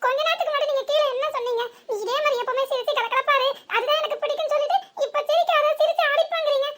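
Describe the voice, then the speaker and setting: Woman voicing a cartoon village wife w southern tamil nadu accent, super squeaky, mutters gossip to herself nonstop. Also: steady tone, rapid-fire, fairly bright tone, slight background noise. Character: chatty young village wife, sly and teasing. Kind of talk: comic cartoon voice acting.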